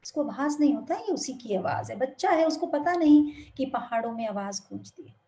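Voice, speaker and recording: A woman giving a spiritual talk over a video call, narrating a moral story gently and expressively. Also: high-pitched, lively intonation, normal speed. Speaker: spiritual speaker.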